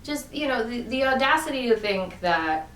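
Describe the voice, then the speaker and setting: Background noise and echo fill this distant-mic recording of an adult woman vlogger, whose fairly high voice moves at normal speed. In a casual opinion monologue about her own choices she gets animated and emphatic, leaning on fillers and sudden rising emphasis.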